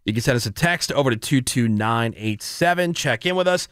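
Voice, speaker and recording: A man's voice: mid-range voice, expressive, brisk, fairly bright tone, clear, resonant tone, no room sound, studio quality. A man with an American accent hosting a morning radio show, bantering and running a phone-in contest. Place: radio studio. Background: music bed.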